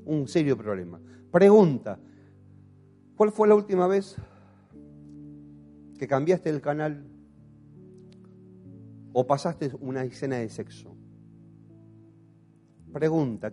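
A man's voice: on the high side, lively intonation, unhurried, long pauses, warm tone, soft background music. A pastor in his thirties with an Argentine accent, preaching a passionate sermon and asking the congregation questions. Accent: Argentine Spanish. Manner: impassioned, asks the congregation questions.

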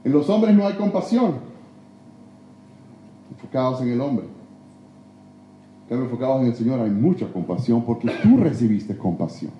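A man preaches a sermon with a lively, rising and falling delivery on a fairly high voice that still sounds very dark and mellow. He swings between loud exhortation and hushed, confessional asides. The room around him rings with echo. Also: a little hiss or hum. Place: church sanctuary. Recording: echoey church hall.

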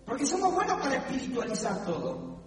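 A man's voice: very high voice, fairly quick. A man preaching a sermon as pastor, mixing teaching with jokes and acting out quoted voices. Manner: animated, acts out quoted voices. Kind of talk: sermon with humor. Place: church hall. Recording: echoey hall from far off.

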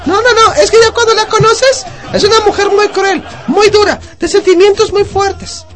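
A woman doing a leering rug-seller in a sky-high voice. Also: fairly even intonation, moderate pace, a bit bright, soft background music, some chatter behind. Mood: joking. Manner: rambling, stammering, leering and crude. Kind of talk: comedy radio sketch.

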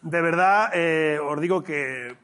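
A man's voice: fairly high pitch, slow pace, fairly bright tone. A man, co-hosting a live talk show in a theater. He jokes, rambles, and often trails off mid-sentence. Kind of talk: casual banter on a live show. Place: theater stage with a live audience.

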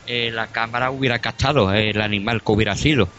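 A man's voice: mid-range voice, steady tone, quick pace, sharp tone, dull audio, slight background noise. Hesitant man recalling odd events. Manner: hesitant, many fillers and restarts. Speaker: paranormal investigator guest. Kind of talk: casual recounting on a radio talk show.

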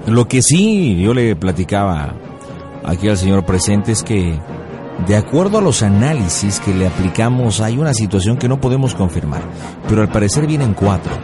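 A man playing a formal doctor delivers news in a polite, measured tone on a radio prank call. His pitch moves a lot while he stays composed, and music plays behind him. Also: very animated. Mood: calm. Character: calm formal male doctor giving news.

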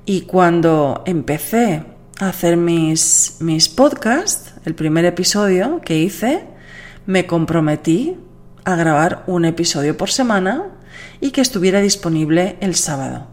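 Low-pitched, tired woman podcaster. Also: sing-song, measured pace, a little mellow. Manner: chatty, acts out other people's replies. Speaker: podcast host. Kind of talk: casual solo podcast talk.

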